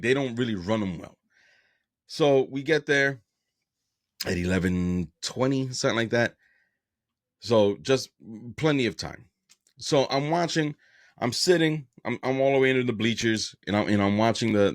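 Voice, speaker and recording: A man's voice: medium pitch, no echo, studio quality. A middle-aged man hosting a comedy podcast, telling a story in a rambling, profane way with lots of restarts and stammers. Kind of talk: casual storytelling monologue.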